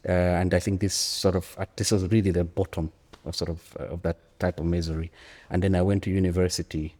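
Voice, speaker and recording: A little fast and a little mellow, this low-pitched man speaks with a flat delivery. An economics academic in his early forties with a Zambian accent, he gives reflective, emphatic interview answers full of stories and repeated phrases, recorded in an echoey, long-reverb hall.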